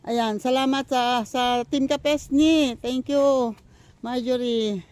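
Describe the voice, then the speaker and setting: This older woman's voice sits high, with a steady, clean, darkish tone, and she takes her time. Out of breath from walking in the countryside, she rambles through a casual vlog of thank-yous to supporters, using lots of fillers and restarting often.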